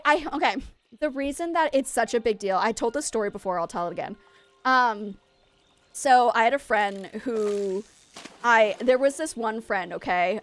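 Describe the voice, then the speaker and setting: A woman from Maine streaming a game, chatting in a rambling way with her viewers and laughing often. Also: sits high. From Maine, USA. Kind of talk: casual chat while streaming a game.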